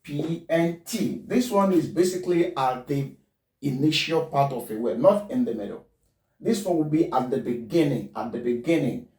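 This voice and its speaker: A man teaching a pronunciation lesson, spelling words out letter by letter and repeating each one slowly. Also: medium pitch, animated, darkish tone. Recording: roomy, distant mic.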